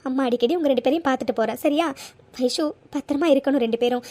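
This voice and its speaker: A woman voicing a loving middle-aged mother in a cartoon story, coaxing and gently scolding her daughters. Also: high voice, very fast. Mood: tender. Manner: soothing, coaxing with "ha?" tags.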